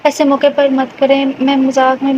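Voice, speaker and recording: A woman's voice: high-pitched, completely flat delivery, darkish tone, close to an everyday voice. A woman voicing a pleading heartbroken bride. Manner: pleading, trembling. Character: young bride, heartbroken and desperate. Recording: dull lo-fi with faint hiss.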